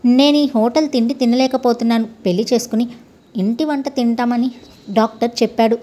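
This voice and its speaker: A woman's voice: fairly high pitch, fairly even intonation, a little fast, warm tone, lightly acted. Vinayakarao, a woman doing a polite young suitor.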